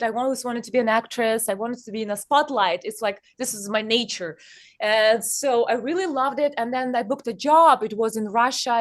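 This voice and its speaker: Halting woman. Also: fairly high pitch. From Kazakhstan. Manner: halting, many fillers and restarts. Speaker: guest. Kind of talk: casual interview on stage.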